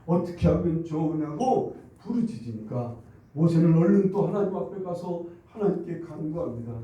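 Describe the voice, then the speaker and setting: A man with a fairly high but very dark, mellow voice, preaching in a church. He tells the story with lively asides and puts on the complaints of the crowd. The sound is very echoey and comes from some distance off the mic. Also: moderate pace. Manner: storytelling, acting out the grumbling people in quoted voices. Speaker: pastor. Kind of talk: sermon. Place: church sanctuary.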